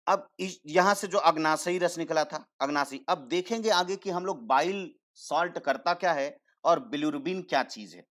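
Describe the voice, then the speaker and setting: A man teaching a science class, slowly repeating terms and asking the class questions before he answers them himself, often calling students "beta". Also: fairly high pitch, a bit bright. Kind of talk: online science lesson.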